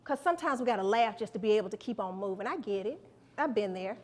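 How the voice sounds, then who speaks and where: A middle-aged woman giving a motivational speech to students, animated and preacherly, repeating lines for emphasis. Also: medium pitch, quick pace. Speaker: guest speaker.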